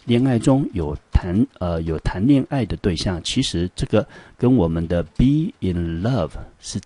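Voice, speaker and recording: A male teacher with a Taiwanese Mandarin accent walks through an English lesson one point at a time, asking rhetorical questions as he goes. His voice sits low, dark and a little husky, and it is recorded close and dry with no room sound. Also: expressive, unhurried, no room sound. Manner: explains step by step, asks rhetorical questions. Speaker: high school English teacher. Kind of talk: classroom grammar lesson.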